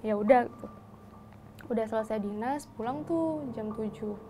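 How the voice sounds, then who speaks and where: A woman's voice: fairly high pitch, normal speed, background noise. A young woman speaking in style, casually telling a story from her time as a hospital nursing intern and acting out the voices of the people in it. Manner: animated, acts out quoted dialogue in shifting voices.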